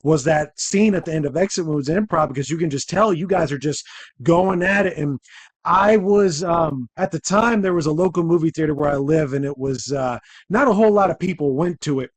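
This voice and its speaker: A man's voice: a little high, a little fast, husky, dry recording. A young adult man hosting a podcast interview, chatting as an enthusiastic fan. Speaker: podcast host. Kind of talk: casual interview chat.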